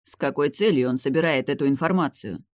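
A man's voice: mid-range voice, brisk, no echo, studio quality, lightly acted. A man reading the part of a young vampire heir in an impatient, insistent manner. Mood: tense. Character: young male vampire heir, hot-tempered. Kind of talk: audiobook character reading.

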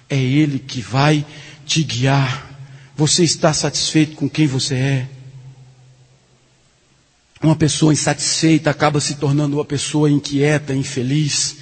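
A man preaching a sermon, swinging between low earnest passages and loud joking bursts. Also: husky. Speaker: pastor. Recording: long hall reverb.

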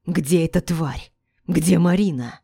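A woman's voice: low-pitched, fairly even intonation, brisk, no room sound, studio quality. A woman voicing a brutal, raging middle-aged man who roars and snarls threats.

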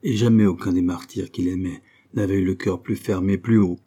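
A man reading a classic story aloud in a measured, even narration. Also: low voice, slightly rough. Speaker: audiobook reader.

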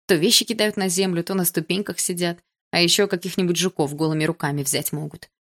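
A woman narrating a first-person novel with an expressive, emotional reading. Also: fairly low pitch, fast. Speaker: audiobook reader.

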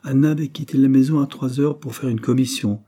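A man narrating a classic novel as an audiobook, reading in a measured, expressive way. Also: mid-range voice, slightly rough.

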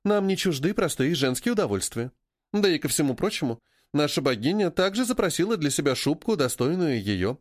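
A man voicing a calm, sweetly condescending woman priestess. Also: fairly high pitch, a little fast, no room sound, clean studio sound. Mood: serene. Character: serene sly woman priestess.

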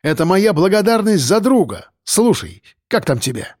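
A man's voice: sits high, big pitch swings, normal speed, darkish tone, no room sound, clean studio sound, voice pushed up. A man voicing a stubborn male police detective who talks bluntly and presses hard. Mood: gruff.

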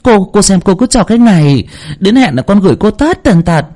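A man's voice: sits high, very animated, fairly quick, warm tone, voice pushed up. A man voicing an eager middle-aged mother who talks in an effusive, ingratiating way, in a storytelling narration.

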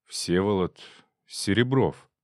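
A man voicing a dazed, irritable rich man who talks curtly in a hoarse voice. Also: low voice, slow, no room sound, studio quality. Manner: curt, irritable.

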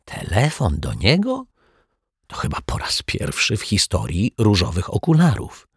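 A man narrating a children's audiobook as an expressive storyteller. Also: on the low side, a little slow, breathy edge, no echo, studio quality.

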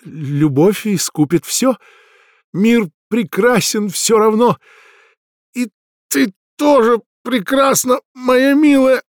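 A man's voice: extremely high pitch, slow, no echo, clean studio sound, pitched above the performer's own voice. A man voicing a flustered, ingratiating male police detective in a raised, theatrical pleading voice for an audiobook. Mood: gushing. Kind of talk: audiobook dialogue.

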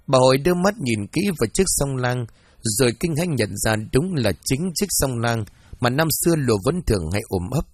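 A man narrating a ghost story with dramatic, storytelling delivery. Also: medium pitch.

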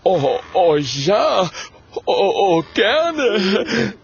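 A man's voice: sits high, big pitch swings, slow, vocal fry, breathy edge, voice pushed up, heavily acted. A man voicing a timid young male ghost in a children's audiobook, stammering and nervous. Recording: dull audio with faint music.

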